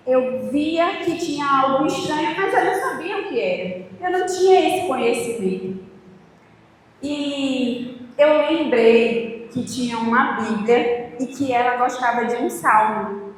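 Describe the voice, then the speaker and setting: A woman giving a preached testimony, telling her story with animated acted-out dialogue. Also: high voice, a little hiss or hum. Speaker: testimony speaker at a church. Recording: echoey hall with reverb, faint ambience.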